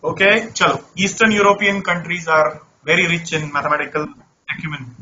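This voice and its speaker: A man's voice: fairly high pitch, fairly even intonation, fairly quick, bright, forceful tone, muffled recording, a little hiss or hum. A man from India teaches an interactive online maths lesson conversationally, often repeating words and phrases. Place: online class over screen share.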